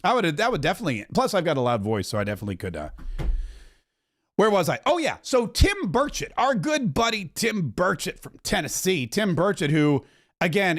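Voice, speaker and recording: Rambling and emphatic, a man in his forties runs a political commentary podcast and now and then breaks into loud song. His voice is a little high.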